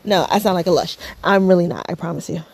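A woman's voice: fairly low pitch, quick pace, darkish tone, breathy edge, dry recording, clean studio sound. A woman in her thirties chatting casually to camera, rambling and repeating herself, tired and yawning. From United States. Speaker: vlogger.

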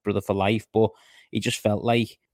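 Podcast co-host, man, lowish voice, dry close sound, chatty news reader. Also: little pitch movement, moderate pace, darkish tone, no echo. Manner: chatty, relays news at length. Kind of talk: casual golf news chat.

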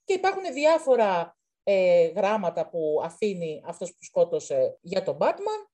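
Chatty woman with a mellow voice. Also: on the low side, huge pitch swings. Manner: rambling, restarts often, calls things chaos. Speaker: co-host. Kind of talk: casual film review chat.

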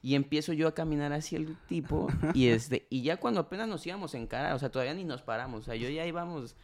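A young adult man with a Mexican accent, guesting on a podcast, tells a story in casual, slangy talk. His voice is a little high and fast, and he's an animated storyteller who acts out the voices he quotes.

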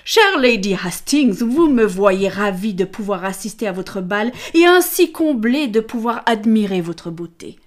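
A woman voicing a greedy, pompous rich businessman in an audiobook, speaking slowly and smugly. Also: mid-range voice, animated, lightly acted. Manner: slow, smug and self-important. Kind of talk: audiobook character voice.

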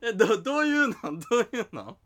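A woman with a Kansai accent co-hosting a casual podcast, reacting quickly and laughing often. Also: a little high, sing-song, fairly bright tone. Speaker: podcast co-host. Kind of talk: casual chat.

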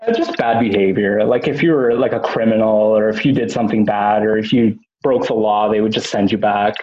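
A man's voice: on the low side, a little fast, crowd noise. A man chatting casually as a podcast guest, rambling with many fillers and restarts. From Canada. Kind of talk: casual chat. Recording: roomy, dull lo-fi sound.

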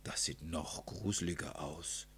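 A man's voice: unhurried, husky, full character voice. A man doing a kindly old lamplighter. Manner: calm, low, soft-spoken. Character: old, slow-footed male lamplighter, kindly.

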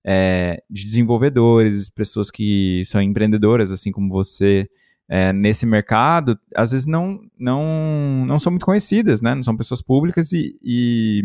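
A man's voice: on the low side, gravelly, darkish tone, no room sound, studio quality. A man with a Brazilian Portuguese accent hosting a podcast, chatting casually and informally with slang. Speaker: podcast host. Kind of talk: casual interview chat.

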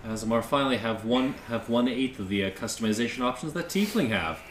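A man's voice: mid-range voice, lively intonation, quick pace. A man co-hosting a podcast in casual chat, chiming in with brief, joking remarks. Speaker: podcast co-host. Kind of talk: casual chat about a tabletop game. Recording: echoey room with faint noise.

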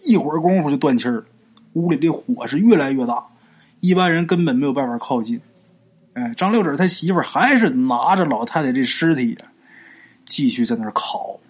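Husky storyteller man. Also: on the high side. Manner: chatty, asks and answers his own rhetorical questions; frequent drawn-out particles like 啊 and 呀. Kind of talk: serialized ghost story narration.

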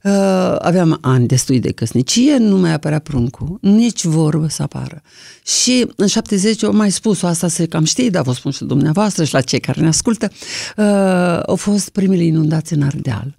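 Older woman with a low gravelly voice. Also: dry recording, studio quality. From Romania. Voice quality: low, deep singing-trained voice. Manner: lively, expressive anecdotal storytelling. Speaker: interviewee, singer. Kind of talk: storytelling in an interview.

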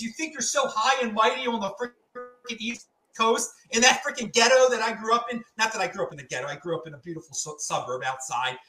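A man hosting a livestream show, talking loudly and excitedly in a ranting, animated way. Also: extremely high pitch, roomy sound, rough recording. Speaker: show host. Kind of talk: loud animated livestream talk.

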